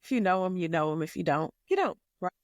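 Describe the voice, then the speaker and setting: A woman's voice: lowish voice, expressive, quick pace, dry recording, clean studio sound. A middle-aged woman co-hosting a podcast, telling stories with slangy phrasing and emphatic repeats. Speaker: podcast co-host. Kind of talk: casual chat.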